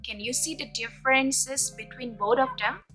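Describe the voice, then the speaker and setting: A woman who speaks English as a second language gives an explanatory presentation, haltingly searching for words and repeating phrases. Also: sits high, bright, forceful tone, faint music behind. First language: not English.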